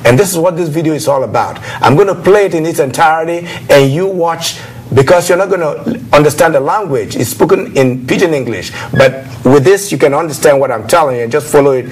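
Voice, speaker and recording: A man hosting a TV talk show, speaking haltingly with many fillers. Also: a little high, a little hiss or hum. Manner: hesitant, many filler sounds.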